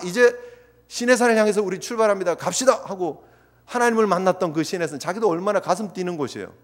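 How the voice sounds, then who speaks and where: Guy pastor giving an intense sermon, high voice, big echoey church. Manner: fervent, exhorting, voices prayers as asides. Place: church sanctuary. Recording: long reverb of a church hall.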